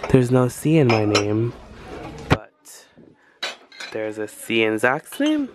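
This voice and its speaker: A man with a medium-pitched voice narrates a casual vlog slowly while thrift shopping, holding a camera in a store aisle amid background noise. Excitable and gushing over his finds, he keeps talking to himself.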